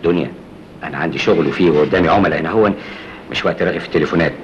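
An actor playing a joking, bossy but loving young husband, with an Egyptian Arabic accent and a quick bantering way of talking. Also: male voice, rumbling low, slight background noise. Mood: brusque. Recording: dull lo-fi old film soundtrack.

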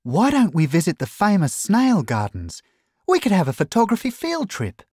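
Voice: mid-range voice, wildly swooping pitch, normal speed, a little mellow, slightly rough, no echo, clean studio sound, pitched above the performer's own voice. A reader voicing a concerned female dog crew member in a children's storybook, speaking earnestly. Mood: eager. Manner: worried, earnest.

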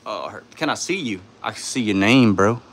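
A man with a sore throat hosting a casual live stream, answering chat in a tired, low-key way from his home studio on a phone. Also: lively intonation, brisk, slight background noise. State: sore throat, speaking softly.

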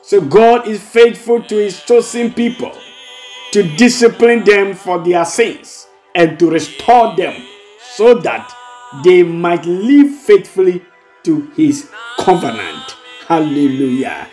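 A pastor with a Ghanaian accent preaches a devotional sermon with prayer and blessings, exhorting listeners and repeating his phrases. His high-pitched voice is a little mellow, with lively intonation and a slow pace. The recording is rough, and a music bed plays under his voice.

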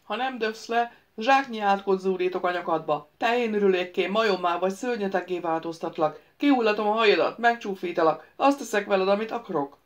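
A woman's voice: mid-range voice, natural voice. A wheedling ghost wizard, as a woman reads him. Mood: bargaining. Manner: wheedling, pleading and bargaining. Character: pleading ghostly male wizard, petulant and scheming.

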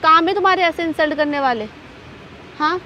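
A woman's voice: extremely high pitch, brisk, sharp tone, a little hiss or hum. A young woman vlogger arguing outdoors on a boat, accusing and repeating her demands in a staged couple fight.

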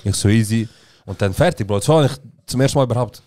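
A young man rattles off anecdotes at high speed in a Swiss German accent. His voice is on the low side, and he talks in slang and acts out every quote. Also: quick pace, a little mellow. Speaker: podcast co-host. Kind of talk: casual chat.

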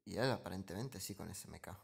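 A gaming streamer with a low, creaky voice talks a little fast over his own gameplay. He mutters asides and repeats short phrases as the action swings.

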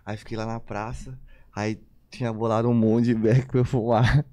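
A man's voice: medium pitch, flat delivery, moderate pace, mellow, dry recording. Young man telling a rambling story. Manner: rambling, repeats phrases, heavy slang. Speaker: podcast guest. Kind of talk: casual storytelling.

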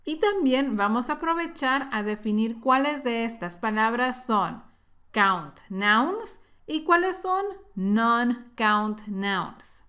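Slow, carefully drilling woman teacher. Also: a little high, animated, bright, forceful tone. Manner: repeats each word slowly and clearly, then explains briefly. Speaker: English teacher. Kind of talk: slow, drilled pronunciation lesson.

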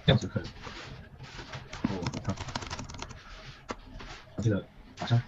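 A man's voice: fairly low pitch, fairly even intonation, normal speed. A man chatting casually as a gaming partner, repeating himself as he checks his setup. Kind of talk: casual chat while troubleshooting audio. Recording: muffled mic with faint noise.

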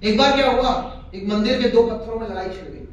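Motivational speaker, man, high voice, lively and jokey, very roomy hall from far off. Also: brisk, muffled recording. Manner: energetic, jokey and preachy. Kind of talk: live motivational speech. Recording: very echoey hall, distant mic, faint noise.

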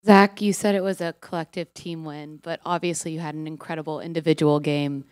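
Woman reporter, really low smooth voice, calm question, dry sound. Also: a little fast, dry recording. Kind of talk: press conference question.

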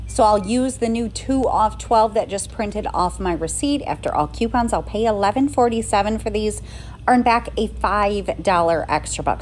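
A woman's voice: mid-range voice, a little mellow. Chatty woman walking through store deals. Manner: chatty, walks through prices and deals step by step. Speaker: couponing vlogger. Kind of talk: casual shopping vlog narration. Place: inside a drugstore, walking the aisles.

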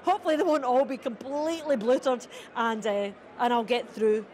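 A woman's voice: fairly high pitch, brisk. Chatty Scottish woman comedian. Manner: chatty, self-mocking, lively. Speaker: comedian guest. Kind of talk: live TV interview at an event.

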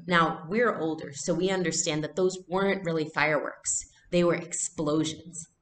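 Speaking at a moderate pace in a deep, steady voice, a young adult woman teaches a read-aloud lesson, narrating and explaining. It's captured on a computer mic in a small furnished room at home, sounding roomy with slight background noise.

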